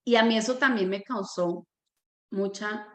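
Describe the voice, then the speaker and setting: Lively woman storyteller, echoey room. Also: mid-range voice, a little slow. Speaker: Sunday school director. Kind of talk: personal testimony in a church teaching.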